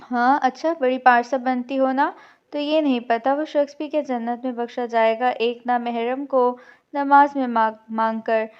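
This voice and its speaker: A woman's voice: sits high, fairly even intonation, moderate pace, smooth, dull audio, lightly acted. A woman voicing a cruel, mocking young man who taunts with contempt. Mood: scornful.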